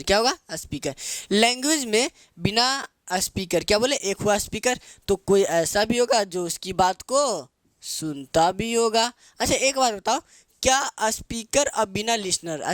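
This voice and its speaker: A man's voice: sits high, fairly bright tone, no room sound. A man teaching grammar in a playful, joking way, asking questions and answering them himself. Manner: asks questions and answers himself, calls viewers babu.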